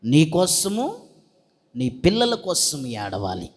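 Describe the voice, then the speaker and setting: A man's voice: a little high, huge pitch swings, slow pace, long reverb tail. A male pastor, preaching emphatically with repeated refrains and calling on the congregation to answer. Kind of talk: sermon.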